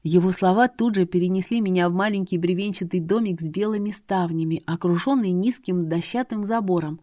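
A woman narrating a first-person audiobook in a steady, even storytelling manner. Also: fairly low pitch, no echo, clean studio sound.

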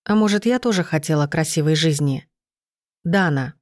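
A woman narrating an audiobook novel in an even, measured reading. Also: low-pitched, dry recording, clean studio sound.

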